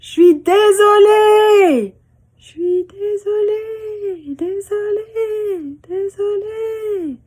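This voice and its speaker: A woman voicing an excited little girl who calls out loudly in long, stretched-out shouts. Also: extremely high pitch, drawn-out words, voice pushed up, heavily acted. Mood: pleading.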